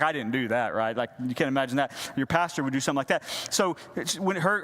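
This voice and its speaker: A middle-aged male pastor tells a sermon story in a folksy, animated way, often restarting his sentences. His voice sits a little higher than most men's.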